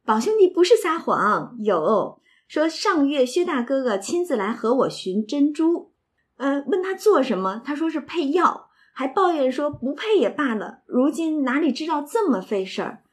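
A woman voicing a quick-witted young married noblewoman, brisk and smooth as she covers for someone. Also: high voice, very animated, voice pushed up.

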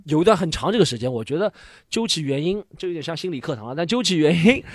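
A man co-hosts a podcast in a casual chat and keeps checking that others agree. His slightly high voice moves up and down a lot. He speaks quickly and sounds close and dry. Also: no room sound. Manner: animated, seeks agreement with "对吧". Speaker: podcast co-host.

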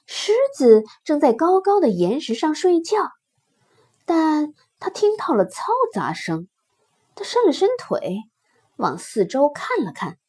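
Slow, breathy woman telling a children's story. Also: a little high. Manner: gentle, expressive, sing-song.

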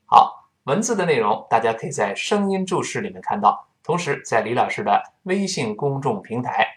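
Man, English teacher, pronunciation lesson, slow repeated demonstrations, animated pitch. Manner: demonstrates sounds by repeating them slowly.

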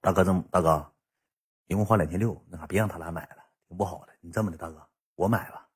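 A man's voice: sits low, fast talker, husky, pitched below the performer's own voice. A man voicing a sheepish young man who mumbles apologetically while pleading about money.

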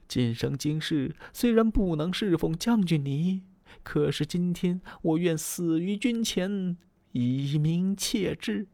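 A male storyteller voicing a young, beautiful woman who pleads tearfully in a raised, soft, weepy voice. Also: a little high, creaky, no room sound, pitched above the performer's own voice.

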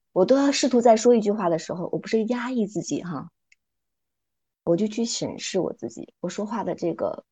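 A middle-aged woman speaking calmly and thoughtfully as a podcast guest, retelling little stories as she reflects. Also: mid-range voice, slightly rough. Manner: calm, thoughtful, retells stories with light acting. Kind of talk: reflective casual chat with storytelling.

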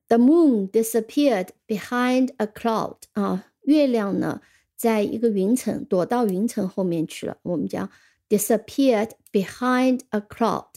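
A woman teaching English vocabulary in a radio lesson, reading example sentences slowly and then explaining them in a relaxed, chatty way. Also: mid-range voice. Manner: ends phrases with the filler "啊".

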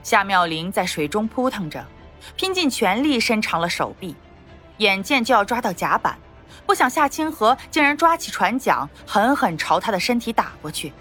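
Expressive female audiobook narrator. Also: mid-range voice, normal speed, soft background music. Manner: expressive storytelling, lively intonation.

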